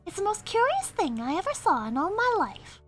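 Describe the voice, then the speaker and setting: A woman with a sore throat voicing Alice, a curious, polite young girl, in a prim, clearly enunciated storybook reading. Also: very high-pitched, wildly swooping pitch, a little fast, faint music behind, full character voice.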